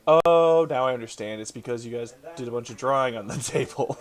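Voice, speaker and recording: A man runs a tabletop game as dungeon master, joking with his players and laughing often. He speaks over a computer mic on a voice call, at an ordinary middle pitch. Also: fairly quick.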